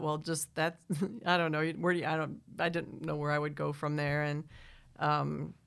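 A middle-aged woman from Wisconsin with a Wisconsin accent talks into a studio microphone in a slightly low voice. She rambles through long, self-interrupting answers and laughs easily between thoughts. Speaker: singer-songwriter guest. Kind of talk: casual interview chat.

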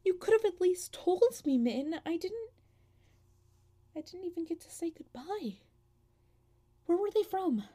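A woman's voice: extremely high pitch, expressive, a little slow, pauses often, mellow. A woman voicing an anguished guardian who brings lost people home, stammering, pleading and dropping into whispers in an audio drama monologue. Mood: frantic.

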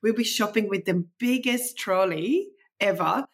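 An unhurried woman's voice at medium pitch tells casual conversational stories. She's a nutritionist guest from the former Czechoslovakia, chatty and enthusiastic, with non-native phrasing.

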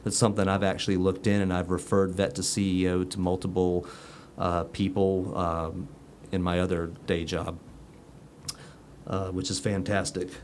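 A man's voice: low voice, little pitch movement, normal speed, darkish tone, slight background noise. A man hosting a casual chat show, joking and rambling with fillers. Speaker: host.

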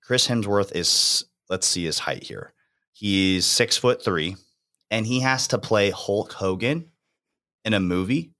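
A man's voice: lowish voice, expressive, takes it slowly, sharp tone. A young man hosting a fitness podcast in casual, slangy chat, laughing often. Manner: laid-back, laughing, slangy.

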